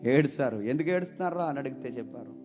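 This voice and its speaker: A male pastor giving a sermon, swinging between loud emphatic lines and low hushed ones. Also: lively intonation, fast, faint music behind.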